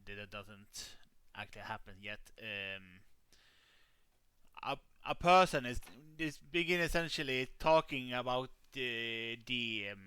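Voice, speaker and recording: A man's voice: medium pitch, animated, takes it slowly, pushed and bright, clean tone, no echo. A man running a tabletop game as game master, narrating hesitantly with many fillers.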